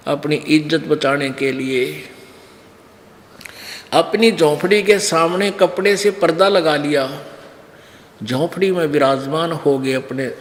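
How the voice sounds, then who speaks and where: Man, slow sermon storytelling, slightly high voice. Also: slight background noise. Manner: slow, dramatic retelling with acted quotes. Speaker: spiritual preacher. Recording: long hall reverb.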